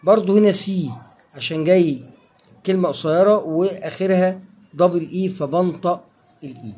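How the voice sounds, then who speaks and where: A man's voice: sits high, normal speed, mellow, faint music behind. Egyptian man teaching, prompting questions. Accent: Egyptian Arabic. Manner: quizzes listeners with prompting questions and praise. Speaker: English teacher. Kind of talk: online pronunciation lesson.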